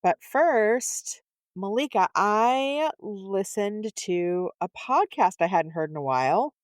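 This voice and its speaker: A woman's voice: mid-range voice, expressive, slow, dry recording, studio quality. A middle-aged woman talking conversationally as a co-host on a casual podcast.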